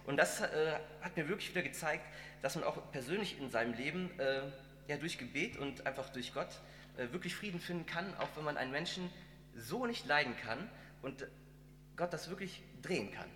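A man's voice: a little high, animated, moderate pace, fairly bright tone, roomy sound, big-room sound, a little hiss or hum. A man telling a personal faith testimony in a conversational storytelling manner, with frequent fillers. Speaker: congregation member giving a testimony.

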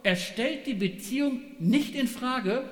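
A middle-aged man preaching a sermon, animated, asking rhetorical questions and checking with his listeners. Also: very high-pitched, slow pace. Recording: echoey hall, long reverb.

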